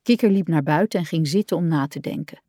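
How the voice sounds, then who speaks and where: A woman reading a children's picture book aloud, in a gentle, expressive way. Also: low voice, fast, no echo, clean studio sound. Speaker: storyteller.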